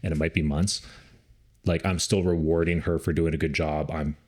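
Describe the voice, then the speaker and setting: A man co-hosting a podcast, giving casual advice on dog training, relaxed and rambling with lots of fillers. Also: very deep voice, moderate pace.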